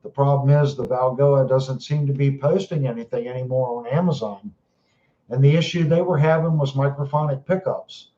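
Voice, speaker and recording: A man's voice: mid-range voice, steady tone, moderate pace, mellow. A man hosting a live stream, chatting casually and tired after hours on air, often repeating words as he talks to his chat. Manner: rambling, repeats words while talking to chat. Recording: roomy, dull lo-fi sound.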